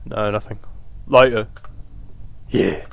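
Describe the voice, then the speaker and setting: A man's voice: lowish voice, takes it slowly, gravelly, dry recording. A man casually commenting through a video game, wry and playful, trying out voices for the characters. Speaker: let's play gamer.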